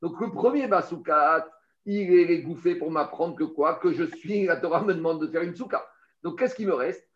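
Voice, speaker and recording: A man's voice: fairly high pitch, normal speed. A man teaching a Talmud study lesson, explaining step by step and speaking straight to the listener, often repeating words as he finds his phrasing. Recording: roomy, dull lo-fi sound.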